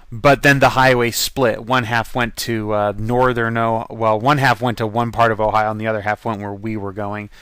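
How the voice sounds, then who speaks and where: A man's voice: lowish voice, sharp tone, smooth, no room sound. A man casually narrating a slideshow of his convention photos as a voice-over, chatty and rambling, with frequent ums and laughs.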